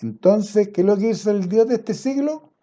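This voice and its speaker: A man preaching a sermon, swinging between loud emphatic passages and low quiet asides, and drawing out scripture quotes slowly. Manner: quotes scripture in a slow, drawn-out cadence.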